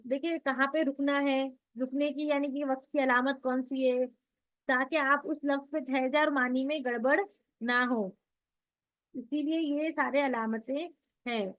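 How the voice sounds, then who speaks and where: A woman teaching Quran recitation rules online speaks a little slowly in a high, steady tone. She explains with patience and works through questions she puts to herself. The lo-fi audio has a dull quality.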